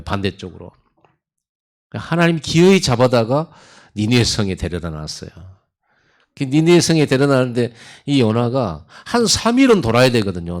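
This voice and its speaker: A man preaching a Sunday sermon, retelling Bible stories in a conversational, storytelling way. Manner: storytelling sermon with lively pitch swings; acts out God's and Jonah's lines in quotes. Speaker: pastor.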